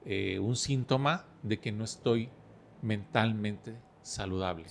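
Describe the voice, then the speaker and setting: A middle-aged man, a podcast guest who talks calmly and explains with stories and analogies. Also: lowish voice, vocal fry, a little hiss or hum. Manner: storytelling, explains with analogies, calm and measured. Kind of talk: relaxed podcast conversation.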